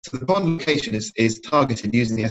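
A man's voice: medium pitch, animated, fast talker, fairly bright tone, rough recording. A man giving a webinar presentation over a video call, his audio cutting out in dropouts. He talks hesitantly, with many restarts and repeated words.

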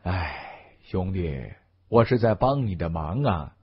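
A man voicing an ancient, stern male cultivator who speaks low and quiet with a sigh. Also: sing-song, slow pace, breathy edge, muffled recording, full character voice. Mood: weary.

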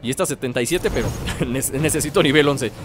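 A man giving playful, excitable commentary on his own gameplay, full of jokey asides. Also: mid-range voice, brisk, music in the background. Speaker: gaming YouTuber.

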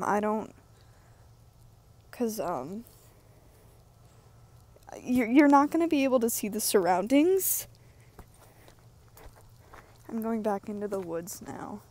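A young woman with a slightly high voice rambles through a casual walking vlog, filling her sentences with ums and likes. Her humor is dry and self-mocking, and she sounds a little winded from walking. She talks outdoors into an earbud headset mic. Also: a little slow, long pauses. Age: young adult. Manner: rambling, filler-heavy, self-deprecating, deadpan humor. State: slightly out of breath from walking uphill. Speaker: YouTuber. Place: outdoors at the edge of woods. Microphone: wired earbud headset mic, phone held low.

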